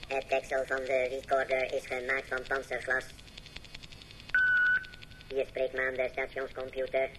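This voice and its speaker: A man voicing a male space station computer that recites facts in a flat, formal way, in a radio drama. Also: medium pitch, a little slow, heavy background noise, lightly acted.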